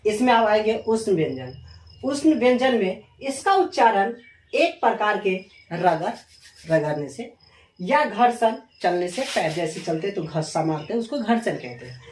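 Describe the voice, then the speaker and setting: A woman's voice: medium pitch, big pitch swings, measured pace, a little mellow. Woman teacher going letter by letter, sounds far off in an echoey room. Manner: asks questions and answers them herself; spells out letters one by one. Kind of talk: Hindi grammar lesson.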